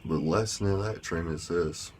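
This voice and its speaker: A man telling a story in a casual vlog, rambling with lots of fillers and small laughs, with a sore lower back. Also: moderate pace, noisy background. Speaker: vlogger.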